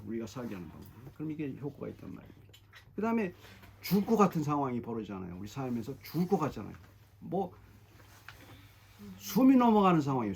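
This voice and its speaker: A middle-aged man preaching a sermon as pastor, emphatic and animated, often repeating his phrases. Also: on the high side, vocal fry, slight background noise. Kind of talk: expository sermon.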